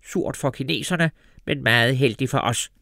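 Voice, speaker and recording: A man's voice: medium pitch, creaky, bright, forceful tone, dry recording, studio quality, voice pushed up. A man voicing a glib TV news reporter with a newsreader delivery.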